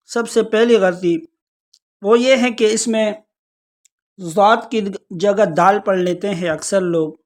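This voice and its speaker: A Quran recitation teacher, explaining pronunciation step by step and slowly drawing out each example word. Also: medium pitch. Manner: slow, drawn-out recitation of examples between explanations.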